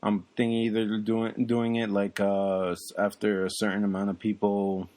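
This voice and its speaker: A young man talks casually as a podcast co-host. His voice sits low, and he rambles along, filling pauses with ums and uhs. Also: monotone, a little mellow, dry recording. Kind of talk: casual chat.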